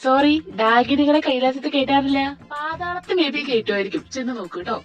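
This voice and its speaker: A sarcastic young man on a bike, voiced by a woman, in a highish voice. He snaps and mocks in a fan-made audio story. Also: fairly quick, dull audio, soft background music, lightly acted. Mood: mocking. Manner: mocking, snappy.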